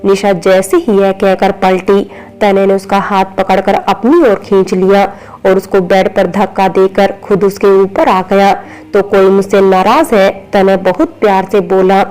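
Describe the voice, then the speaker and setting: Mellow woman reading a story. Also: mid-range voice, low-quality recording. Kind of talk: scripted story narration.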